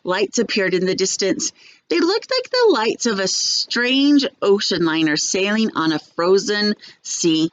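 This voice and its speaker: A woman with a mid-range voice reads a children's storybook aloud the way a teacher would, expressive and measured as she tells the story. The sound quality is lo-fi.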